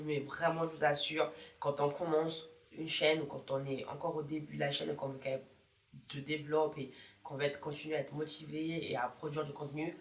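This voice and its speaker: A YouTuber in her thirties chats casually with her viewers in a motivational vlog, repeating words for emphasis and often correcting herself mid-thought. Her voice sits low with a bit of brightness, recorded in an echoey room.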